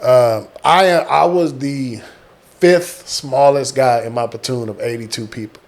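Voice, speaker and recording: Man, middle-aged, mid-pitched voice, casual storyteller, animated delivery, emphatic repetition. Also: unhurried. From small-town Texas, United States. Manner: animated retelling, acting out quotes, repeating words for emphasis. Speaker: guest, military veteran.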